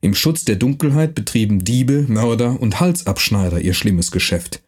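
A man narrating a historical novel in a measured storytelling manner. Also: mid-range voice, animated, darkish tone, breathy edge. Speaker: audiobook narrator.

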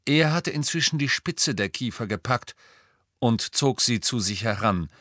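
A man reading an audiobook as narrator, telling the story in a lively, expressive way. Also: medium pitch, no echo, clean studio sound. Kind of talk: scripted narration.

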